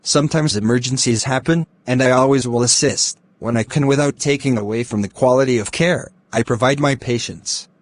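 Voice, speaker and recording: Formal man giving measured interview answers. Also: medium pitch. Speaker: doctor candidate in a speaking exam.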